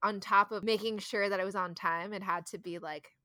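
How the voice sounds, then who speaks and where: A woman's voice: mid-range voice, steady tone, sharp tone, no echo, clean studio sound. A woman in casual chat, talkative and curious, often asking questions. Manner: chatty, curious, quick to ask questions.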